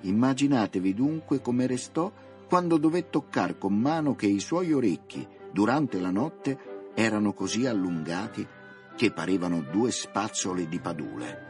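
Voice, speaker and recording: A man narrating a children's story in a theatrical, expressive way. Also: lowish voice, moderate pace. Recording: music playing underneath.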